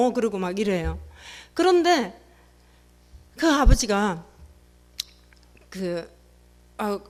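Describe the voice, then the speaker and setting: A middle-aged woman giving an emotional testimony in a sermon, telling her story with animated, acted-out quotes. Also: fairly high pitch.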